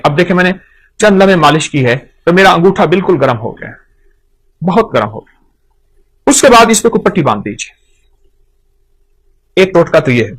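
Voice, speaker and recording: A man's voice: high-pitched, fairly bright tone. A man gives an earnest, instructive talk on home remedies, repeating his key points for emphasis. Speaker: folk remedy speaker.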